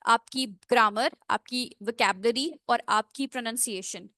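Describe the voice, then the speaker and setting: A woman teaching English pronunciation in an online class, switching between Hindi and English, drawing out model phrases slowly and checking in with students often. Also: fairly high pitch, pushed and bright, dry recording, studio quality. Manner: slow, drawn-out model phrases, with frequent check-ins. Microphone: computer mic on a screen-shared video call.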